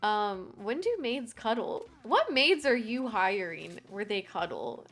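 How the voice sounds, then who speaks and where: A young woman livestreaming a game, chatting casually and excitably, quick to giggle and squeal. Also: medium pitch, soft background music. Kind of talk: casual gameplay commentary.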